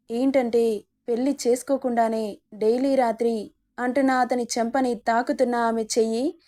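A woman storyteller reads a romance story aloud at a steady, even pace. Her voice sits a little high and sounds mellow.

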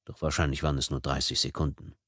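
A man's voice: very deep voice, little pitch movement, fast talker, a bit bright, dry recording. A man reading a thriller audiobook in a tense, dramatic storytelling manner from a close studio microphone. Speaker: audiobook narrator. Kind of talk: scripted audiobook narration.

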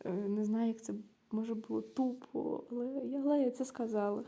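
A woman's voice: a little high, a little fast, gravelly. A young woman with a Ukrainian accent, telling a personal story to her vlog viewers, acting out the dialogue with lots of hesitations. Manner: animated, acts out quoted dialogue with hesitations. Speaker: vlogger. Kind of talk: casual storytelling.

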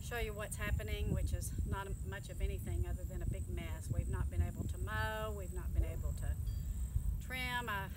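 A woman's voice: medium pitch, normal speed. A middle-aged woman, chatting casually to viewers in a vlog as she walks around her rural garden and yard, filming on a phone. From North Texas. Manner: chatty, folksy, talks straight to viewers while working outdoors. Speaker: gardening vlogger. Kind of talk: casual vlog walk-through. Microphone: phone camera held or close by. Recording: outdoor wind and yard noise.

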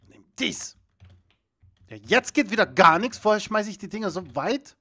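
A young man giving excitable video game commentary, often bursting into loud exclamations. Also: sits high, fairly quick. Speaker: let's play host.

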